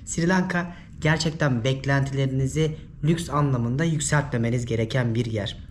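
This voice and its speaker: A man from Turkey whose voice is hoarse and giving out from illness, giving informal travel advice as a vlogger. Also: medium pitch, moderate pace. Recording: noisy ambient background.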